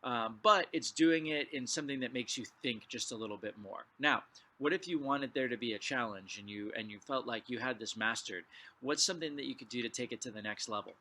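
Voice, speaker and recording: A man's voice: mid-range voice, brisk. A man teaching a drumline clinic, explaining exercises and calling count-offs before he plays. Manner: counts off loudly before playing. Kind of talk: percussion lesson.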